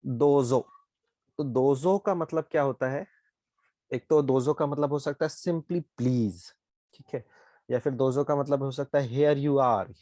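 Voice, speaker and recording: A man with an Indian accent, a Japanese teacher explaining words slowly and asking "ठीक है?" often. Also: medium pitch, warm tone, no echo. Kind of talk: online class explanation.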